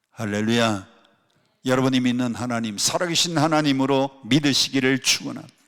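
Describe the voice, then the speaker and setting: Man preaching in an echoing hall. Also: medium pitch. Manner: leads the congregation in call-and-response repetition; emphatic preaching with sudden loud rises and hushed drops. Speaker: pastor. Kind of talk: sermon. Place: worship hall of a prayer retreat. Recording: long hall reverb.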